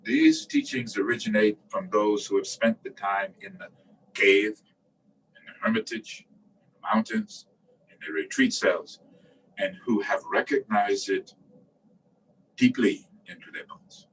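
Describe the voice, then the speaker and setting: A man giving a calm, meditative Buddhist teaching, guiding listeners with pauses. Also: on the low side. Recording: distant mic with faint ambient noise.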